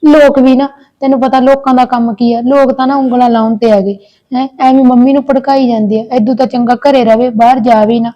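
Lightly acting in a village short film, a woman plays a childless elder daughter-in-law who, as the older sister-in-law in a family drama, earnestly pleads and complains at length out of worry and care, like heartfelt chat. Her slightly high voice is warm and steady and runs a little fast. The recording has its highs cut off.

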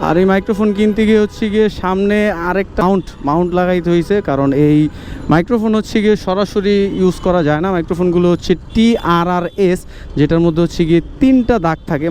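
A man's voice: high-pitched, fast talker, darkish tone, faint music behind. A man with a Bangladeshi accent giving casual motovlog commentary outdoors as he rides, often padding his explanations with filler phrases. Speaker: motorcycle vlogger. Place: outdoors, riding a motorbike on city roads. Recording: clear road and traffic noise.

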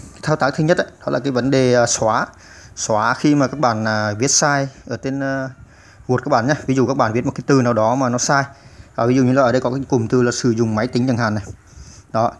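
A man hosting a computer typing tutorial, explaining step by step with many "à" fillers. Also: medium pitch. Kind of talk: step-by-step screen-recorded tutorial.

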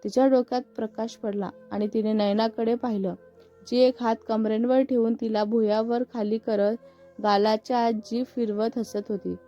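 A woman storyteller giving a steady, expressive scripted reading of a story. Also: a little high, moderate pace. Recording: muffled with faint background music.

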